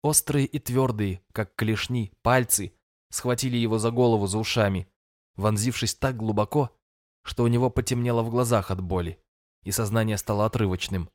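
A man narrating a fantasy audiobook in a measured storytelling manner. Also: lowish voice, fairly even intonation, no room sound, studio quality.

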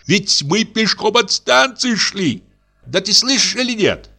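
A man's voice: high voice, sing-song, unhurried, gravelly, pushed and bright, pitched above the performer's own voice, full character voice. A man reading aloud and voicing a tipsy, worn-out husband who coaxes, curses and frets. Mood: pleading, irritated. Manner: wheedling, then cursing and exasperated. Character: tipsy, exhausted middle-aged husband, fussy and pleading.

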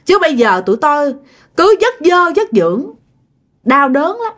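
A woman's voice: sits high, sing-song, moderate pace, fairly bright tone, pitched above the performer's own voice. A woman voicing a vengeful drowned male ghost who threatens, then begs, in a told ghost story. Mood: pleading. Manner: menacing, then pleading.

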